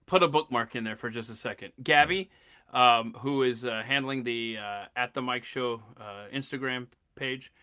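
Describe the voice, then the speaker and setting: Bright-voiced excitable male podcast host. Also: mid-range voice, moderate pace, clear, resonant tone. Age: 40s. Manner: excitable, restarts and stammers. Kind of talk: casual chat.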